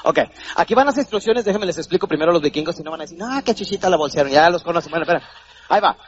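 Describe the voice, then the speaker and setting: A man's voice: a little high, racing, lo-fi sound, slight background noise. A Mexican man giving a live motivational seminar talk in a hall, theatrical, acting out little voices and quizzing his audience. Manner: animated, theatrical, acts out voices and questions the audience. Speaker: motivational speaker.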